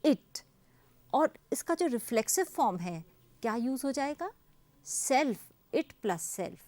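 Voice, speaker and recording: Woman teacher, slow and deliberate, very lively intonation, quizzes herself aloud. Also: high-pitched, no room sound. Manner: explains slowly, reads English examples out very slowly; asks and answers her own questions. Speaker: English teacher. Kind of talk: recorded grammar lesson.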